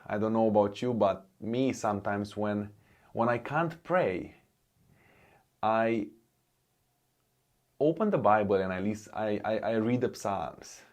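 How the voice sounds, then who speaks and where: A man from Romania with a Romanian accent, in his thirties, telling his personal faith story in a slow, earnest way with many pauses. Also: fairly low pitch, a little mellow. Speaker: faith vlogger. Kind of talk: personal testimony.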